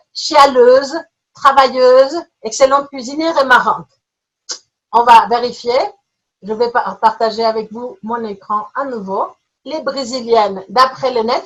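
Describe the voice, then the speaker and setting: A woman running an online teaching webinar from her computer, reading out chat answers in quick playful lists. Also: on the high side, fairly bright tone, low-quality recording. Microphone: computer mic on a video call.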